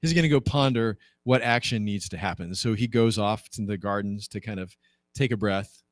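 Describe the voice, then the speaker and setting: A low-voiced man leads a Bible class as its pastor, retelling the story in a loose, conversational way. He keeps turning to the class with rhetorical questions and jumps up in pitch to act out what the characters say. The sound is dry and close. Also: normal speed, no echo. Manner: conversational and animated, acts out quoted lines with jumps in pitch.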